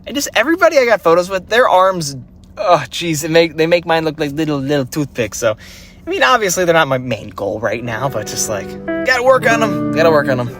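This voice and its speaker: A young man vlogging casually, excited and rambling with many fillers. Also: on the high side, brisk, faint music behind. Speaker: vlogger, fitness coach. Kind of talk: casual vlog talk.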